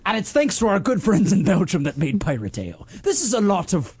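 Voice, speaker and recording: Tipsy, gravelly man hamming it up as pirate host. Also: high-pitched, wildly swooping pitch, fairly quick, a little mellow, dry recording, studio quality. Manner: hammy pirate talk, playful banter. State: tipsy, slurring. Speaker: podcast host. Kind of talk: comedic in-character podcast.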